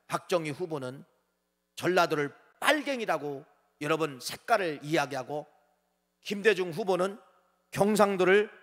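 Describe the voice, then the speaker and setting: In a church sanctuary, a male pastor preaches with a voice that sits high for a man and rings with a long reverb tail. He's animated, driving phrases up loud, then dropping into quieter asides aimed straight at the congregation.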